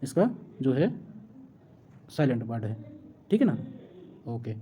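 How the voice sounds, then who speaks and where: A woman's voice: rumbling low, big pitch swings, measured pace, dull audio, slight background noise. A woman tutor explaining exam answers, repeating each question and then answering it, and often checking that the listener follows.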